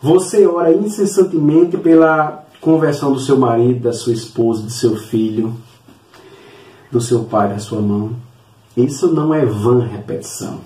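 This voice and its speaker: A man teaching a Sunday school Bible lesson, earnest and repetitive, with halting fillers as he works through his points. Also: medium pitch, dark tone. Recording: echoey room, mic at a distance.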